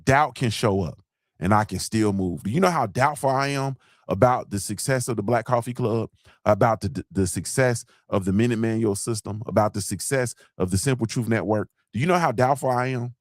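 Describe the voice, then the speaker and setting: A man's voice: lowish voice, fairly quick, dry recording, studio quality. A man hosting a morning show, giving fired-up motivational talk and repeating lines for emphasis. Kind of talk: motivational live-stream talk.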